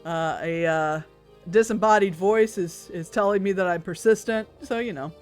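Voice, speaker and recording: Woman game streamer, medium pitch, casual chat, playful, wry, sweary, music behind. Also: normal speed. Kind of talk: casual chatty game commentary.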